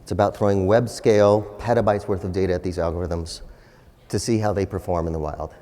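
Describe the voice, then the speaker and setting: A man delivering a corporate keynote with polished, enthusiastic executive delivery and emphatic, rhetorical pauses. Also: low voice, fairly even intonation, warm tone. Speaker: chief executive giving a keynote. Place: large indoor hall, on stage. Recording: large hall with long reverb.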